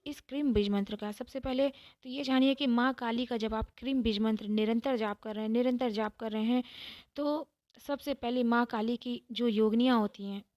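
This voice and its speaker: A woman giving a calm devotional talk, explaining step by step and repeating phrases for emphasis. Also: fairly high pitch, normal speed, no echo. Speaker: spiritual teacher.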